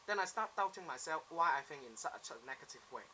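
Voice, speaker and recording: A man's voice: on the high side, animated, fast talker, pushed and bright, slight background noise, poor audio. A man in his twenties from Hong Kong, speaking with a Hong Kong accent, earnestly telling his own story in a self-introduction video. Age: 20s. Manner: earnest, plain storytelling with simple phrasing. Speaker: applicant.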